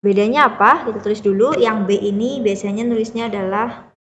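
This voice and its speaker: A woman's voice: fairly high pitch, a little fast, a bit bright, in a large hall. A woman teaching a beginner language lesson, explaining patiently step by step and checking in often with the listener. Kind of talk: classroom-style lesson explanation.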